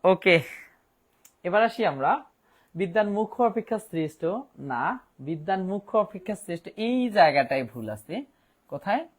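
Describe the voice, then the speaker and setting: Man, online grammar teacher, slightly high voice, spells words out slowly, hesitant restarts. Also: very animated. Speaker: Bangla teacher.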